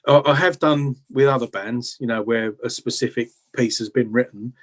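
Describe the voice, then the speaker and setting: A British guitarist being interviewed chats casually about music-making in a medium-pitched voice at normal speed. His talk is informal, and he often adds tag questions.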